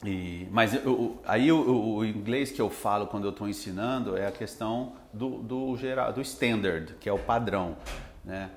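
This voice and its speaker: Low-voiced Brazilian man, chatty teacher. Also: moderate pace, reverberant. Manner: relaxed, rambling, many fillers. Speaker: English teacher. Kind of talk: casual podcast chat.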